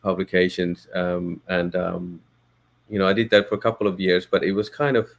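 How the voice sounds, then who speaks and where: A deep, monotone man with a gravelly texture, a native Finnish speaker talking English in a podcast interview. He hesitates often, restarting phrases and filling pauses as he weighs each thought. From Finland. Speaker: guest, photo editor.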